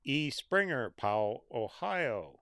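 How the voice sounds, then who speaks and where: A man with a mid-range voice hosts a live stream, reading out viewer names and comments with small laughs and answering their questions in a casual chat. He speaks slowly but very animatedly, with a pushed, bright tone and vocal fry, and he's losing his voice, which sounds a bit worn. The recording is dry and clean, with studio quality.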